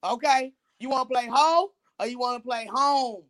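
A woman's voice: high-pitched, normal speed, noisy background. A woman co-hosting a podcast in casual chat, ranting in a profane, mocking way. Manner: profane, heated, mocking rant. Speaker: podcast co-host.

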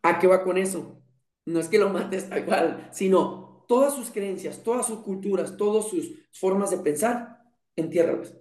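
High-voiced man, earnest and reflective. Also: unhurried, darkish tone, roomy sound. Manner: earnest, reflective, speaks in stops and restarts. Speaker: guest. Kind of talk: casual conversation.

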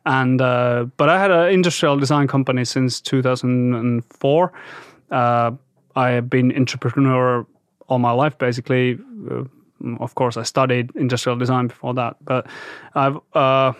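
Finnish-native male guest, halting and thoughtful, close dry recording. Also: medium pitch, steady tone, clean tone, dry recording. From Eastern Finland. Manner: hesitant, many fillers, searching for words. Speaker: guest, bike company founder and designer. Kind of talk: casual interview.

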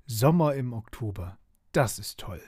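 A man voicing a cheerful young girl in a bedtime storybook, with an excited, bright way of talking. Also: medium pitch, unhurried, husky, dry recording, clean studio sound. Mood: delighted.

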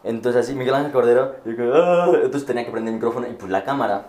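A man's voice: mid-range voice, racing, a little mellow. Hesitant young man in an echoey room. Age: young adult. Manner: hesitant, many fillers and restarts. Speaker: student. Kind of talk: casual chat.

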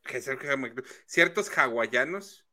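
A man's voice: mid-range voice, animated, unhurried, bright, forceful tone. A man with a Mexican accent co-hosting a reaction podcast, joking in crude slang. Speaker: podcast co-host. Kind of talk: casual reaction chat.

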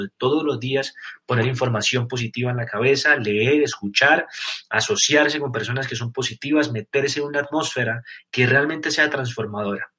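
A Colombian man speaks in a bright, forward voice at an ordinary middle pitch. He talks earnestly through a motivational livestream, filling pauses with small fillers and restarts. He often turns to the listener with direct questions. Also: husky. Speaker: network marketing leader giving a live talk.

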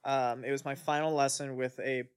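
A man guesting on a podcast, chatting casually in a relaxed, hesitant way with many fillers. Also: mid-range voice, normal speed, clean tone. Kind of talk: casual chat.

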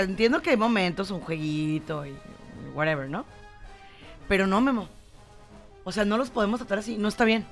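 A Mexican woman co-hosting a casual radio chat, chatty and teasing, giving relationship advice with lots of fillers. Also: mid-range voice. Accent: Mexican Spanish. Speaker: co-host, psychology commentator.

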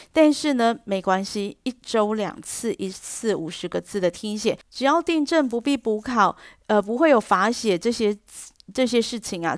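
A woman's voice: medium pitch, no echo. Woman teaching English in a dry booth. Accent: Taiwanese Mandarin. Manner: patient, clear explaining with English examples read aloud. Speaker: English teacher podcast host. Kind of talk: explanatory lesson talk.

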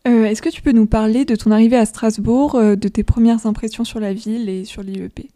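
A woman's voice: a little high, fairly even intonation, brisk, mellow. Female student radio host, hesitant. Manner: hesitant, many fillers. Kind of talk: radio interview.

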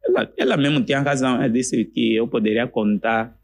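A young man with an Angolan Portuguese accent, a comedian chatting as a podcast guest, telling stories in an animated way and jumping into high voices to quote people. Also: fairly quick. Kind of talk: casual podcast chat.

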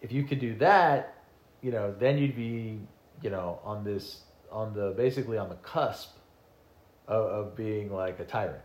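A man's voice: on the low side, a little slow, darkish tone. A man co-hosting a podcast, musing in casual discussion and restarting his thoughts. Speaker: podcast co-host. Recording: roomy echo.

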